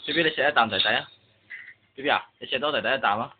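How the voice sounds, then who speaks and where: A man's voice: medium pitch, racing, phone-quality sound, noisy background. A man, filming at home and playfully coaxing a small child. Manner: coaxing, playful talk to a toddler. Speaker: family member filming at home. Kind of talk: casual home video chat. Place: family home indoors.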